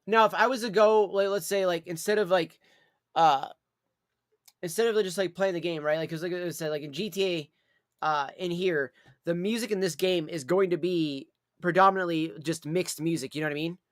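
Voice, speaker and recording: A man with a noticeably high-pitched voice talks off the cuff as a live streamer. His delivery is rambling and repetitive, with blunt, sweary casual wording. The sound is close and dry, with very little room echo. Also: moderate pace. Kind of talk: casual livestream chat.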